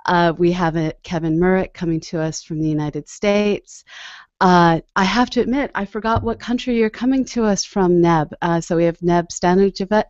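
A woman's voice: on the low side, steady tone, normal speed, darkish tone, no room sound, muffled recording. A woman in her thirties hosting a video call interview from a home office, speaking into a desk microphone, friendly and with frequent fillers. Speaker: host. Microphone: desk microphone on a boom arm.

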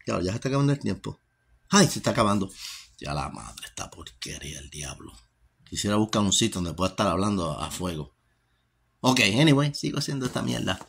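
A man's voice: on the low side, very animated, fairly quick, creaky, fairly bright tone, slightly rough. A Puerto Rican man giving a rambling, profane personal testimony, cursing freely and trailing off into mutters. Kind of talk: casual spoken testimony.

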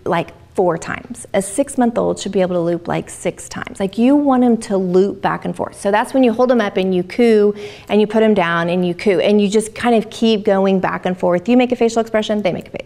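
A woman's voice: medium pitch, creaky, a little mellow. A middle-aged woman, a child development specialist giving a chatty parenting workshop to a live group. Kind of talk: informal workshop talk. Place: room with a live audience.

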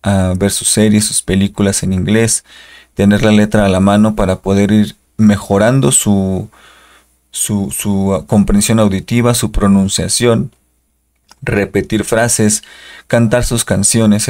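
A man's voice: lowish voice, little pitch movement, measured pace, a little mellow. A Spanish-speaking man giving an English pronunciation lesson, patiently repeating each model word. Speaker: English teacher.

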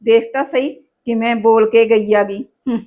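A woman's voice: on the high side, steady tone, normal speed, lo-fi sound, natural voice. A woman, playing a scheming daughter-in-law who scolds and wheedles in a village family drama. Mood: grumbling. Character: sharp-tongued scheming young daughter-in-law.

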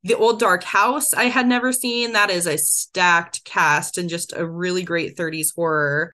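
Bright, eager woman podcast co-host. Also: fairly low pitch, fairly even intonation. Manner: enthusiastic, rapid list-reading. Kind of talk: casual chat.

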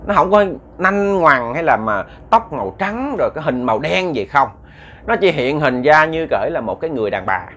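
A man's voice: a little high, very animated, normal speed, a bit bright. A man telling a ghost story in a chatty, casual way. He repeats words often and talks straight to his listeners.

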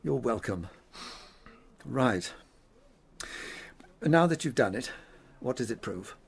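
A man with an English accent acting in a radio drama as a loyal, blustery, exasperated gentleman doctor. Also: mid-range voice, expressive, slow, creaky, husky, full character voice. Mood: grudging, puzzled.

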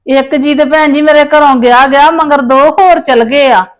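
A woman with a high-pitched voice plays a mother-in-law in a family drama. She pleads and apologises, full of self-pity, asking to be forgiven. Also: fairly even intonation, normal speed. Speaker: mother-in-law wanting her grandson back. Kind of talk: scripted village family drama.

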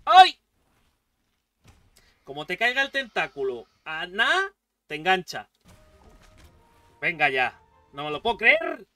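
Excitable Spanish gamer, high lively voice. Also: male voice, a little slow, long pauses, no room sound, far from the mic, soft background music. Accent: Spain Spanish. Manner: excitable, swears and yells at the game. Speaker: gaming YouTuber. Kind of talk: let's play commentary.

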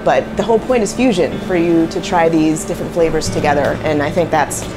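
Middle-aged woman from cambodia chatting bout her food biz, lowish voice, lapel mic in a little kitchen, music under it. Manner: chatty, fast, with fillers and asides. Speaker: restaurant co-owner. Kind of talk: casual interview. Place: small commercial kitchen, indoors.

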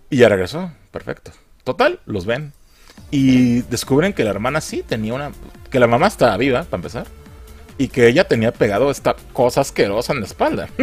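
Lively Mexican man mocking a film. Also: mid-range voice. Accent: Mexican Spanish. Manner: crude slangy mockery. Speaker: film reviewer. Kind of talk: casual film review.

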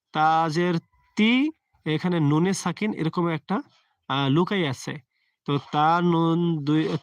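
A man with a Bangladeshi Bengali accent teaching Quran reading in a live online lesson, spelling syllables slowly and repeating each drill. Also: on the high side, a bit bright, no echo.

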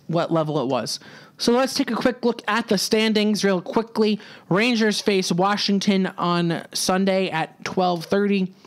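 A young man hosting his own solo hockey podcast, talking casually and throwing in sarcastic asides. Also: sits high. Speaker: podcast host.

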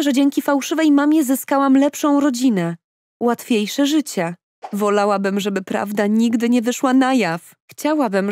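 Young female narrator, earnest and confessional, a touch high. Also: a little mellow. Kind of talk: scripted first-person story narration.

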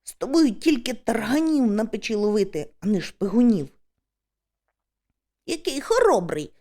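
A woman doing an excitable shouting village boy. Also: on the high side, moderate pace. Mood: indignant. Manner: shouting anxiously, indignant.

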